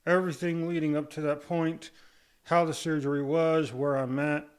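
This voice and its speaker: A man's voice: a little high, flat delivery, moderate pace, smooth. Man talking through a tight, barely open jaw. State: mouth held tight by rubber bands after jaw surgery, talking with difficulty. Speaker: vlogger giving a surgery recovery update. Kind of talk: casual talk to camera.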